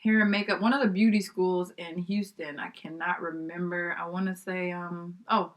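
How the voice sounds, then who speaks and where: A woman's voice: lowish voice, steady tone, normal speed. A young adult woman, a podcast guest, telling a story in casual chat, acting out the voices of the people she quotes and laughing often.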